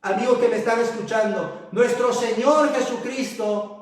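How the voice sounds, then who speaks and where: Male pastor, very high voice, exhorting sermon cadence with repeated phrases, recorded far off in a booming echo. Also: steady tone, moderate pace. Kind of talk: sermon and closing prayer. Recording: very echoey, voice far from the mic.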